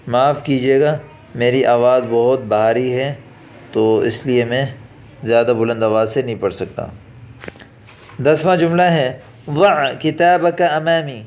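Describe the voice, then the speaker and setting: A male teacher giving a classroom lesson, reading each Arabic phrase slowly and deliberately and then explaining it quickly in Urdu. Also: mid-range voice, darkish tone. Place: academy lesson recording.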